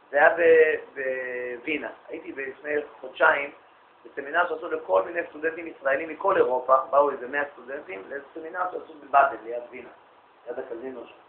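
A man giving a storytelling religious lecture to an audience, lively and anecdotal, acting out the dialogue he quotes. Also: a little high, slight background noise. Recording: echoey, phone-like lo-fi recording.

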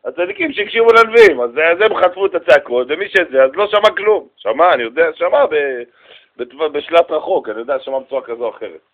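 In a classroom, a religious teacher gives a Bible lesson in a lively, animated way, acting out what the people in his story say. His voice is fairly high, and the recording sounds dull and muffled.

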